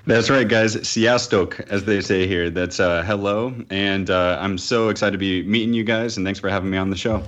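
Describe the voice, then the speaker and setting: A man's voice: sits low, steady tone, fairly quick, hardly any pauses, fairly bright tone. A man who is a guest on a podcast, chatting in a friendly, eager way. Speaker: travel writer, podcast guest. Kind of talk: casual podcast chat.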